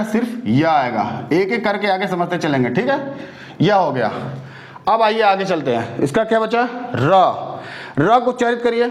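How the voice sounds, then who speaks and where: A man teaching a Hindi grammar lesson, sounding out letters slowly and checking often that his students follow. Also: high-pitched. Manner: explains step by step, repeatedly checks understanding.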